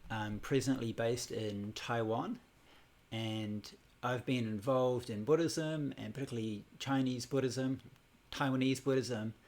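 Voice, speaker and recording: A man from New Zealand, in his forties, runs an easygoing Buddhism class over livestream, his talk rambling and dotted with fillers and restarts. His mid-range voice comes through a computer or phone.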